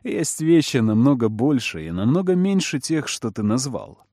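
A man reading a storybook aloud and voicing a calm, wise recluse who speaks softly and questions gently. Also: mid-range voice, normal speed, no echo, clean studio sound. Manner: soft, evasive, gently questioning.

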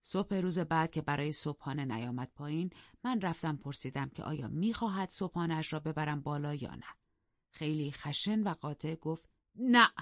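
A woman narrating an audiobook in a measured storytelling manner. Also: sits low, dry recording, lo-fi sound. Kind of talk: scripted narration.

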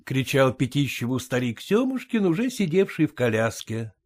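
A man narrating an audiobook in a measured, expressive storytelling manner. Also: a little high.

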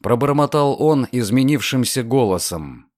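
Male audiobook reader; expressive, animated narration with a dry, close sound. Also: medium pitch, moderate pace, no room sound. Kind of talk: scripted narration.

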